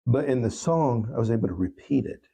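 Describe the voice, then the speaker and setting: A man appears as an interview guest, earnestly reflecting on his own songwriting and repeating phrases for emphasis. His medium-pitched voice is expressive and mellow with a breathy edge, and he talks fairly quickly.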